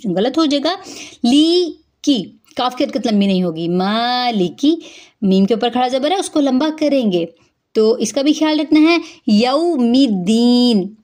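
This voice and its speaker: A woman teaching a tajweed lesson, explaining common mistakes in Urdu religious terms and slowly chanting each verse. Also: a little high, a little mellow. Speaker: Quran recitation teacher.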